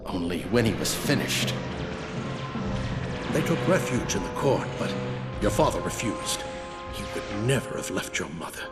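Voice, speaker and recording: An actor playing a weary, remorseful older alien general in a video game, grave, earnest and dramatic. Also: male voice, on the low side, big pitch swings, a little slow, pauses often. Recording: echoey hall under loud music.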